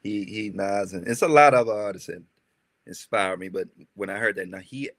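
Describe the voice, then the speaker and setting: Talking fairly quickly in a lowish voice with no echo, this young Maryland rapper spins stories during a relaxed interview. His storytelling is animated and rambling, loaded with fillers and tangents.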